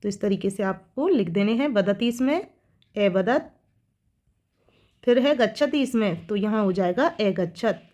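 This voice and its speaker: A woman teacher, speaking, works through textbook exercises for children, reading each line slowly and then explaining it. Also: mid-range voice, lively intonation, a little mellow. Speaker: school teacher.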